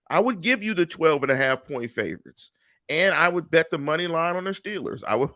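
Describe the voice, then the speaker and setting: Middle-aged guy hosting a sports pod, bright forceful voice, dry close mic. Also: fairly high pitch, dry recording. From Pittsburgh. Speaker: podcast host. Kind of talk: casual sports podcast chat. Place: home room. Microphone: headset and studio mic on video call.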